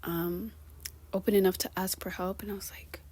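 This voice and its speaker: A young woman vlogger with a Kenyan-tinged American accent chats casually to the camera in a mid-range voice with a breathy edge, at normal speed. She's animated, laughs often, and acts out the voices of the people she quotes.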